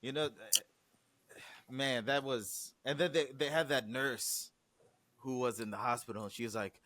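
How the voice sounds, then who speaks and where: A man's voice: medium pitch, steady tone, normal speed, fairly bright tone, no echo. A man talking as a guest on a podcast in loose, profane conversation, with frequent restarts and acted-out quotes. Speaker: guest, music producer.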